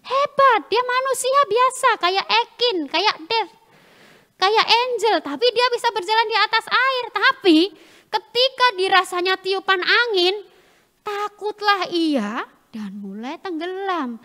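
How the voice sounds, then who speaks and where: Upbeat Indonesian woman, Sunday school teacher, high bright voice, reverberant church hall. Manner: lively, leads children in call-and-response reading. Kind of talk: children's Sunday school lesson.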